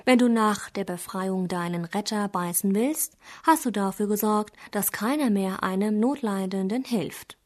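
A woman's voice: medium pitch, unhurried, hardly any pauses, darkish tone, close to an everyday voice. A woman reading the part of a clever fox in a fable, in a plain storybook voice. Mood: judging.

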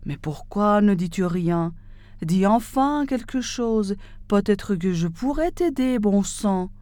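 A woman voicing an impatient, quick-tempered male traveler in a spoken fairy tale, exclaiming his lines. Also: expressive, dark tone, dry recording. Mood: exasperated. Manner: exclaiming, raised and higher than her narration.

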